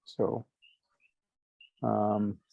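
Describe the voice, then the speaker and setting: Lower-voiced man hosting a conference call. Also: completely flat delivery, drawn-out words, creaky, muffled recording. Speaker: session host and astronomer.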